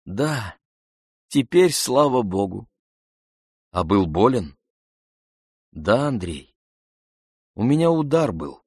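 A man voicing a weary, sluggish nobleman who speaks quietly, pleading and sighing. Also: lowish voice, big pitch swings, slow, long pauses, slightly rough, dry recording, clean studio sound, heavily acted. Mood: hushed. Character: weary, sluggish male nobleman, hushed and sad.

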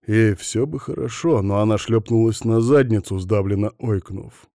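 A man narrating an audiobook in the first person, gruff and teasing in tone. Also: lowish voice, moderate pace, mellow, no room sound, clean studio sound.

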